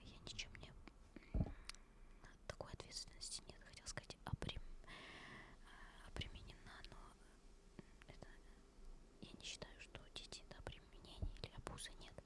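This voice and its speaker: A woman softly whispering casual, personal ASMR chat in a tender, caressing, breathy way, as host to her listeners. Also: moderate pace, long pauses.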